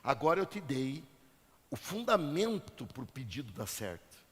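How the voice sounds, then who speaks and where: A male pastor with a Brazilian Portuguese accent, preaching a sermon in a church. He swells into emphatic, drawn-out phrases and then drops low and quiet. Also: sing-song. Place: church sanctuary. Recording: long hall reverb.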